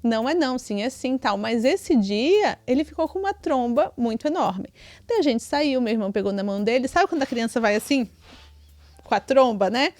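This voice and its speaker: A woman's voice: on the high side, lively intonation, moderate pace, a little mellow, no room sound. A woman with a Brazilian Portuguese accent, a podcast co-host and mother, telling a family story in casual chat, often adding tag questions. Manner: chatty, many tag questions.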